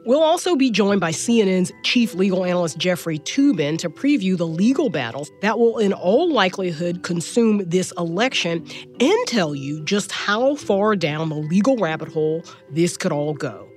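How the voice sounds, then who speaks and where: A woman's voice: fairly low pitch, expressive, moderate pace, darkish tone, faint music behind. A woman co-hosting a political news podcast as a reporter, conversational, slightly stuffed up from a head cold. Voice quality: slightly stuffy, congested nose. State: getting over a head cold.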